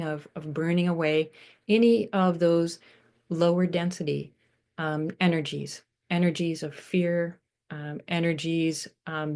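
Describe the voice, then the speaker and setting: A woman leading a guided meditation in a gentle, soothing way, pausing often with soft fillers. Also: low voice. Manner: slow, gentle and soothing, with many pauses and fillers.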